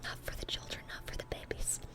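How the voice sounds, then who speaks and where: Speaking quickly in her natural voice, a woman whispers as a sweet, dorky young demon girl for an ASMR roleplay. The breathy, unvoiced whisper rambles along in a chatty, earnest manner.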